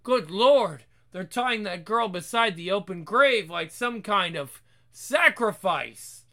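A man's voice: sits high, animated, takes it slowly, bright, forceful tone, full character voice. A man playing a nervy, indignant city filmmaker in a horror story, dramatic and exclamatory.

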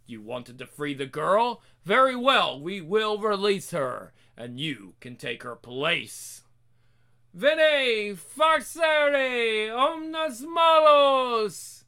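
A man's voice: fairly high pitch, big pitch swings, slow, gravelly, few pauses, bright, forceful tone, pitched below the performer's own voice, heavily acted. A man playing a sinister cult leader at a sacrifice, menacing and grandiose in a horror story.

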